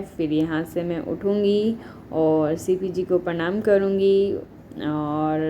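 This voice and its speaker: A woman in her thirties narrating a home vlog, calmly explaining each step of a family ritual. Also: lowish voice, slight background noise. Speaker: vlogger. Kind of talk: casual voice-over narration of a family festival vlog.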